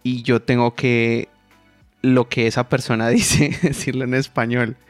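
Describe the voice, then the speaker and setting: A man's voice: mid-range voice, flat delivery, a little slow, clean tone, no echo, soft background music. Man, blunt and crude, dry sound. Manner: frank, crude, swearing, teasing. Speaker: podcast co-host, interpreter. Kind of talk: casual podcast chat.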